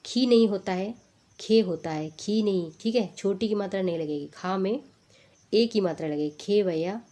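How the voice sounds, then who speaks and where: A woman's voice: mid-range voice, moderate pace, dark tone. A woman teaching an exam-prep spelling lesson, explaining step by step and repeating each word to drill it.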